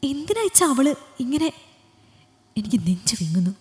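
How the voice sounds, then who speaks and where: Woman doing a young male doctor, lovesick, pleading, high and urgent, long hall reverb. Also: lively intonation, normal speed, a little mellow, lightly acted. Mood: distraught. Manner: pleading, breathless questions.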